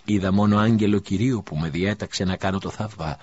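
A man voicing a humble, earnest prophet in an audiobook, in a gentle, modest voice close to his own. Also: deep voice, slightly rough. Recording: dull lo-fi recording.

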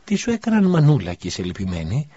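A man voicing a frail, frightened young boy in an audiobook, raising his husky voice high and pleading. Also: animated, a little mellow. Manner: high, urgent childlike pleading. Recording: dull lo-fi recording.

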